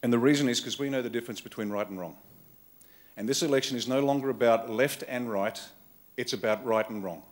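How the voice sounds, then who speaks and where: A man's voice: mid-range voice, a little fast, slight background noise. A middle-aged man with an Australian accent, giving a rousing political keynote from a conference hall stage into a podium microphone, speaking in punchy, emphatic short phrases that he often repeats. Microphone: podium microphone on a stand.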